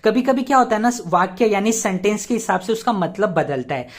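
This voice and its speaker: A young man with a rather high voice talks through a grammar lesson slowly and step by step. He repeats each key word several times and poses rhetorical questions to his students. He often stops to spell words out letter by letter. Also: animated. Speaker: teacher.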